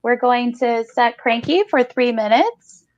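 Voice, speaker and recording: In her thirties, this podcast co-host and reader has a slightly high voice and doesn't rush. She reads short stories and talks books casually on a video call from a small home room, the recording dry and the audio slightly dull.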